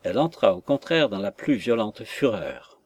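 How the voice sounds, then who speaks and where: A man narrating a classic novel as an audiobook, with a measured, literary delivery. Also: fairly low pitch, very animated.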